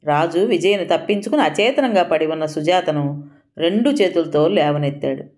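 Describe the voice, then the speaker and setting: A woman narrating an audio story in an even, measured reading. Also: sits low.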